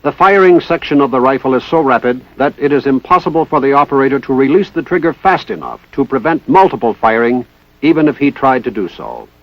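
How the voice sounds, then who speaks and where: Medium in pitch and a little creaky, this American man speaks animatedly and slightly fast. He delivers formal instructional narration styled after a 1960s military training film, with precise, methodical enunciation, on a dry recording with a dull lo-fi 1960s film sound.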